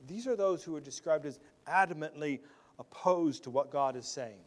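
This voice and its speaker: A pastor delivers a sermon earnestly, often repeating words as he restarts. He shifts between loud, stressed phrases and quiet asides. His voice is a little high, at a moderate pace.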